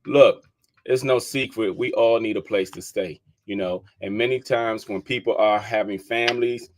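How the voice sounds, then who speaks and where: Against a noisy background, a man with a lowish voice and fairly even intonation speaks at a moderate pace. He's a DC podcast host and real estate agent chatting casually with listeners, calling them "y'all," repeating his numbers for emphasis and sneezing over and over.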